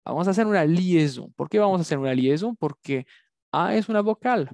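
A man teaching a language lesson, drilling words slowly and patiently. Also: high voice, animated, vocal fry, a little mellow, no room sound. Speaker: French teacher.

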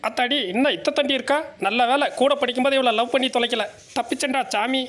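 A man's voice: extremely high pitch, steady tone, fast, fairly bright tone. A man doing comic, teasing voice-overs for animals in a bantering, cartoonish way. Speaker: comedy voice-over creator. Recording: noisy background.

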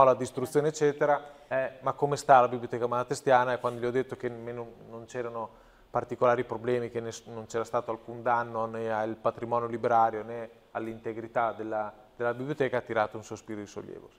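A man's voice: mid-range voice, flat delivery, fast talker. A man talks in a TV studio. He is earnest and pushes his points hard, with frequent restarts and repeated words. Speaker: provincial president, guest. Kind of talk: talk show interview.

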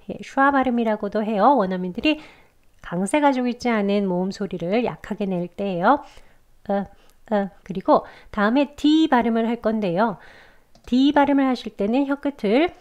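A Korean-speaking woman teaching English pronunciation step by step, slowly repeating example words. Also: fairly high pitch, darkish tone. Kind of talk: pronunciation lesson.

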